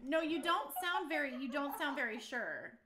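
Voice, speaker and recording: A woman's voice: sits high, animated, normal speed, background noise. A young woman co-hosting a live stream in casual, chatty talk, bubbly and often laughing. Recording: roomy echoey sound.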